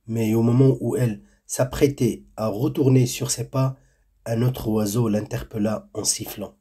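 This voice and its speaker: A man narrates a folk tale slowly and deliberately, in a husky, dark-toned voice. His telling is measured and calm throughout. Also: mid-range voice. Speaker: storyteller. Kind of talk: storytelling narration.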